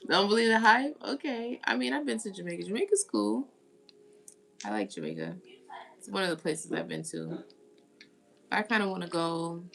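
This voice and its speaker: A woman's voice: mid-range voice, big pitch swings, moderate pace, vocal fry, pauses often, fairly bright tone. A woman from the United States hosting a tarot live stream, chatting casually and greeting viewers as she reads their comments. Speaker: tarot reader.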